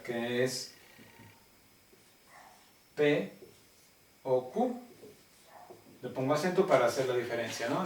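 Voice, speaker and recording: A man with a Mexican accent teaching a logic class, talking deliberately and constantly checking that students follow. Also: medium pitch, slight background noise. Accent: Mexican Spanish. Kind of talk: classroom lecture. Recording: roomy classroom, mic far off.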